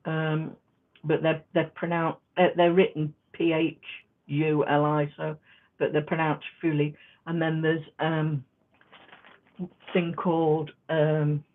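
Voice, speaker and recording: Slow, rambling woman on a tinny line. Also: low voice. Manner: rambling, halting, with many restarts. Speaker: quilting vlogger. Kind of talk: casual crafting vlog chat. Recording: tinny phone-like sound.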